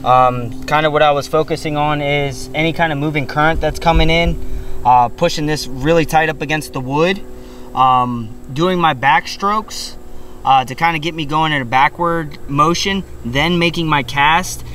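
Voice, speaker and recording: A man in his thirties talks through his casting from a kayak in an easygoing way, full of "kinda" and "um." His voice sits a little high. Outdoor river noise stays clearly audible behind him. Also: moderate pace. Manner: relaxed explaining, many "kinda" and "um" fillers. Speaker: arborist and kayak angler. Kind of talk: casual fishing how-to.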